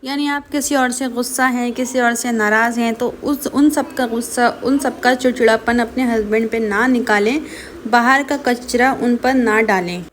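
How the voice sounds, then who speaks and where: A woman's voice: a little high, steady tone, moderate pace. A woman gives earnest advice in a casual vlog, slipping English phrases into her talk. A faint background noise runs underneath. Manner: earnest, advising, mixes English phrases into Hindi. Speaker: vlogger giving marriage advice.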